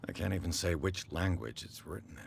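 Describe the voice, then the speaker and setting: Casting: a gruff old game investigator, very deep, gravelly, swings in pitch, faint ambience. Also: male voice, animated, fairly quick, a little hiss or hum. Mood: grim. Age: older. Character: gruff older male investigator, stern.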